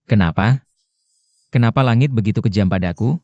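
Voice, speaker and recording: A man's voice: lowish voice, a little fast, darkish tone, no echo, highs cut off, lightly acted. An actor voicing a heartbroken young man, a moping CEO son full of self-pity, in a dubbed drama. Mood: mopey. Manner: mopey, self-pitying.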